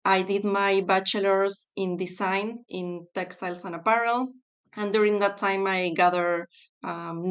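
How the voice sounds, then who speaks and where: A woman from Argentina speaks English as an interview guest. Her voice is smooth and resonant. She answers thoughtfully and at a measured pace. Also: medium pitch. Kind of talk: conversational interview.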